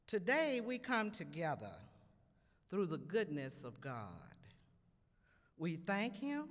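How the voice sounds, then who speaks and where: Woman, solemn invocation, very slow, lively rising and falling pitch, long hall reverb. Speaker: invocation speaker. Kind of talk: public prayer. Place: banquet hall at a luncheon ceremony.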